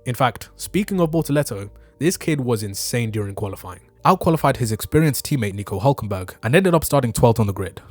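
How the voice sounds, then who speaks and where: There's no room sound, just background music and a medium-pitched man talking a bit fast and animatedly, with few pauses. As a motorsport YouTuber, he runs through a scripted, opinionated Formula One race review in casual fan slang.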